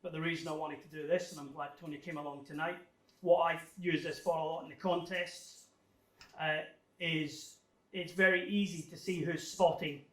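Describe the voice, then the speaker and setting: The guest speaker at this amateur radio club has a fairly high, slightly bright voice with fairly even intonation and a normal pace. His technical slide presentation to the club audience is casual and a little hesitant. Recorded indoors from a distance, the sound carries a lot of room echo.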